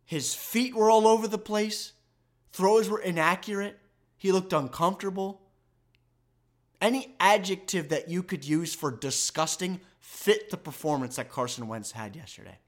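A man's voice: high-pitched, moderate pace. A man hosting a sports podcast, ranting emphatically and with exasperation about his team's loss. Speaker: podcast host. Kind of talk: fan sports commentary podcast.

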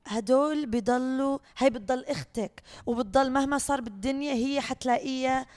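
A woman, chatting as a podcast guest. Her voice is high, and she eases into her points with fillers and stray English words. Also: a little fast, in a large hall. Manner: relaxed, hesitant starts with fillers, mixes in English. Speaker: podcast guest, one of two sisters. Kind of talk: casual chat.

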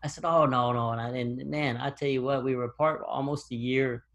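Man guest, casual chat, stumbling repeats, mid pitch. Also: steady tone, a bit bright. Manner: halting, repeats words. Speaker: podcast guest. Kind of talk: casual conversation.

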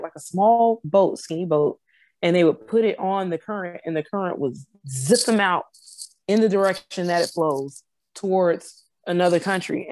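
Earnest, explanatory woman with a low voice. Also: darkish tone, no room sound. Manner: earnest and explanatory, with frequent restarts and laughs. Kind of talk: casual conversation.

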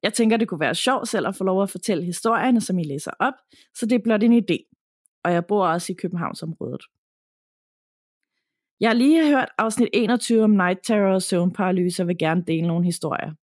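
A woman's voice: medium pitch, a little mellow, dry recording. Woman reading a listener letter, dry sound. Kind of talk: reading a listener story aloud.

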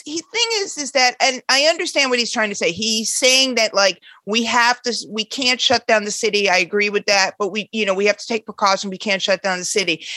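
A woman's voice: mid-range voice, sharp tone, dry recording. A woman from Queens, chatting casually and emphatically about her opinions as a co-host, repeating phrases for stress. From Queens, New York. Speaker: podcast co-host. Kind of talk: casual opinionated political chat.

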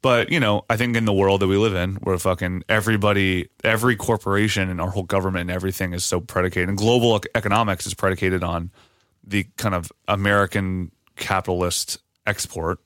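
A man with a very low, dry-sounding voice talks loosely on a podcast. He rambles, circles back on himself and swears casually as he works through an idea. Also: fairly even intonation, fast, fairly bright tone, no room sound. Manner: rambling, restarts, swears often. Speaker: podcast host. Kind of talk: casual chat.

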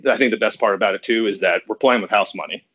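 A man's voice: lowish voice, fast talker, fairly bright tone, husky. Male podcast guest, giddy and rambling, dull audio. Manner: rambling and giddy, with frequent restarts and laughs. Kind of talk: casual sports podcast chat.

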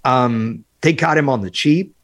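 Male podcast co-host, casual, opinionated, excitable delivery over a remote call. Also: mid-range voice, unhurried. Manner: animated, opinionated, talks in bursts with fillers. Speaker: podcast co-host, football analyst. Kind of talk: casual sports podcast chat.

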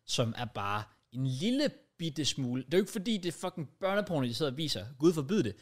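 A man's voice: fairly high pitch, very animated. A young adult man with a Danish accent chatting casually, swearing and mixing English slang into his talk. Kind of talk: casual chat.

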